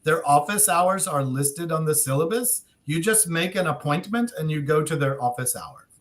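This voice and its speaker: A man's voice: fairly high pitch, moderate pace. A man on staff at a university, presenting in an online info session and acting out little dialogues as he explains. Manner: animated, acts out dialogue.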